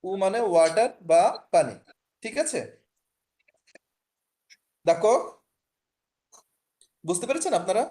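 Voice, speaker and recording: A man's voice: sits high, very animated, slow, long pauses, dark tone. A man with a Bangladeshi Bengali accent, teaching an online language class over a video call, explaining patiently, repeating points and often checking that students follow.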